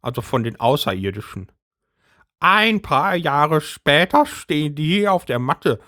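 A man's voice: on the high side, sing-song, unhurried, pushed and bright, dry recording, clean studio sound, voice pushed up, full character voice. A man voicing a suspicious, bossy middle-aged housewife who talks in an indignant, conspiratorial way. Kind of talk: storybook reading.

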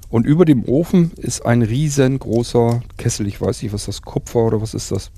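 Gravelly, husky man, low and dark, rambling enthusiastic host for survival role-play. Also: steady tone, moderate pace. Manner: rambling, enthusiastic, many fillers.

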